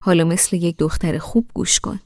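A protective young husband in a spoken storybook, firm and teasing, his words set down in a low, gravelly tone, as a woman reader puts him on. The voice is dark and husky and sits close and dry on the mic. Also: fairly even intonation, no echo. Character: caring, headstrong young husband, man.

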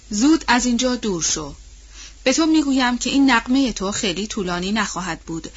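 A woman's voice: on the high side, fairly bright tone, slightly rough. A woman reading the part of an angry, grasping middle-aged man who blusters and threatens, on a dull lo-fi recording.

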